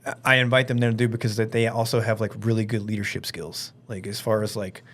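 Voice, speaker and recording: Lowish and flat, his voice moves fast. The guest, an Alabama firearms instructor who also organises events, chats loosely on a podcast, his talk full of "like" and "you know."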